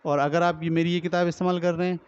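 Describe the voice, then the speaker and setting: A man training teachers, explaining step by step, asking and answering his own questions and sounding out drill words slowly, with a Pakistani Urdu accent. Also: a little high, level tone, smooth. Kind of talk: lecture on teaching reading. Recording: dull lo-fi recording.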